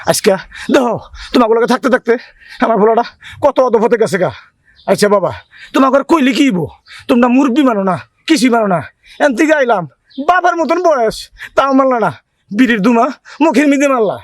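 A man's voice: extremely high pitch, expressive, brisk, pauses often, no echo. A man playing a grieving old father, reproachful. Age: older. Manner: pleading, reproachful. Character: grieving elderly father scolding his son's friends. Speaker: actor. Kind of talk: television drama acting.

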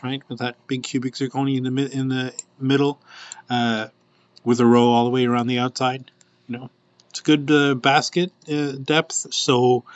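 A male host with a mid-range voice rambles through a casual live product showcase, filling it with lots of "ums." The sound is muffled and lo-fi, from a completely dead, dry room.

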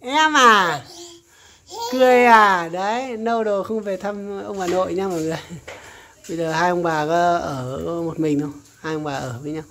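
A woman's voice: on the low side, normal speed, fairly bright tone, a little hiss or hum. A woman chatting casually in a family vlog, cooing to a baby. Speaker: vlogger.

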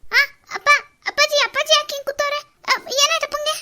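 A woman's voice: very high voice, little pitch movement, fairly quick, pushed and bright, pitched above the performer's own voice. A woman voicing a tearful young daughter in a cartoon, crying out shrilly for her father. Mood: frightened. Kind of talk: Kannada cartoon voice acting.

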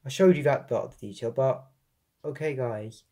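A young man chatting casually as he reviews a collectible figure, excitable and rambling with frequent restarts. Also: mid-range voice, moderate pace. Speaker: toy reviewer. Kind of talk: casual unboxing vlog.

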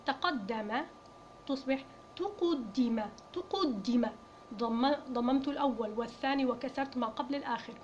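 A woman with a high voice teaches a grammar lesson, putting questions to her pupils and then answering them herself. She says the key words twice, slowly. The recording is dull and lo-fi with a faint hiss behind her. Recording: dull lo-fi sound with faint noise.

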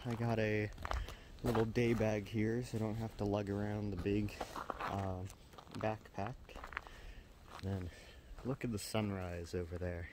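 Low-voiced man vlogging at a winter campsite. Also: measured pace, pauses often, background noise. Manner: relaxed, rambling with many "uh" fillers. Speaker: camping vlogger. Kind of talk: casual self-filmed vlog narration. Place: outdoors at a forest campsite in winter.

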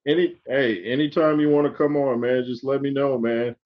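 A man hosting a casual video chat, relaxed and full of fillers like "uh" and "man". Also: medium pitch, normal speed. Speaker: host. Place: small room indoors. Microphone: video call webcam. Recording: dull lo-fi call audio.

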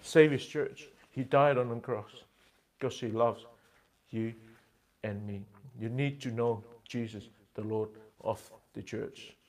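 A man preaching a sermon as pastor, impassioned, with slow, emphatic phrases that swing between loud and hushed. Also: medium pitch.

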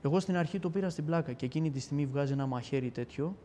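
A man's voice: fairly high pitch, a little hiss or hum. A man giving a personal testimony in a casual storytelling way, acting out the dialogue as he tells it. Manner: animated storyteller who acts out dialogue. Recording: long hall reverb.

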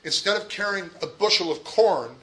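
A man's voice: high voice, animated, moderate pace, fairly bright tone, rough recording. A man giving a classroom history lecture in an emphatic way, often asking his listeners rhetorical questions. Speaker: history teacher.

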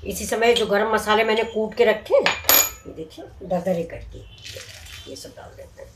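Her mid-range voice moves at a normal pace as this cooking channel host chats to viewers and explains every step of a dish. The tiled home kitchen makes the noisy recording echo.

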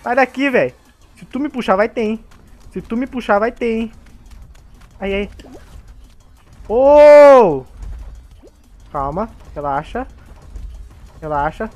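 A man with a Brazilian accent giving excitable gameplay commentary, laughing often and talking to the other players. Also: high-pitched, moderate pace, long pauses, lo-fi sound, soft background music. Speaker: gamer.

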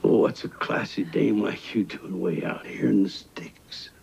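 An actor playing a gentle backwoods man who murmurs soothingly to a hurt cat in a gravelly whisper, heard from a worn VHS tape copy. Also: on the low side, fairly even intonation, measured pace, exaggerated voice. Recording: dull worn tape dub.

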